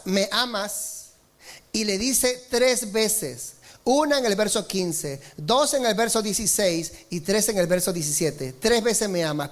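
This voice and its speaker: Guy pastor preaching, pretty high voice, slows way down to hit the big lines. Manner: preaching with rises in pitch and slowed emphatic lines, asking the congregation for amen. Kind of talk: sermon.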